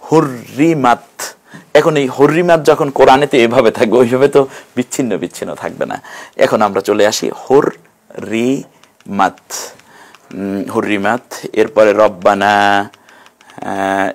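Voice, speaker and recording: A man teaching Quran reading in an online class, slowly sounding out syllables and encouraging his students. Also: medium pitch. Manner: slow, syllable-by-syllable drilling of pronunciations; patient, encouraging. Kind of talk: online lesson.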